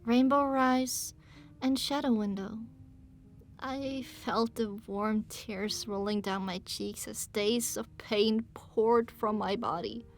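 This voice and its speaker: A woman narrating a fantasy audiobook in the first person, her voice sitting a little higher than most. She tells the story in an even, measured way. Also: faint music behind.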